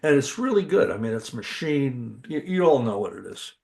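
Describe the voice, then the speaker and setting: A man's voice: mid-range voice, sing-song, normal speed, creaky, a little mellow. An older man co-hosting a podcast, chatting with eager enthusiasm, restarting his sentences often. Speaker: podcast co-host. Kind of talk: casual podcast chat.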